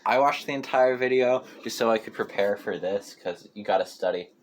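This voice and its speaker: A young man in his teens, a podcast guest making blunt, deadpan jokes in casual chat. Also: fairly low pitch, a little fast, a little hiss or hum.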